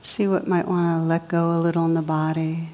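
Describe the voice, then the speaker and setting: A woman teaching meditation, guiding softly paced practice in a soothing, unhurried manner with long pauses between short phrases. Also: sits low, little pitch movement. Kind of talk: guided meditation. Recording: muffled, reverberant hall recording.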